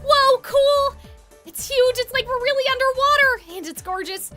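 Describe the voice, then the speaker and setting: A woman voicing an excitable, friendly young schoolboy in a game, gushing and eager. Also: very high voice, a little fast, soft background music, pitched above the performer's own voice, full character voice. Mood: excited, delighted.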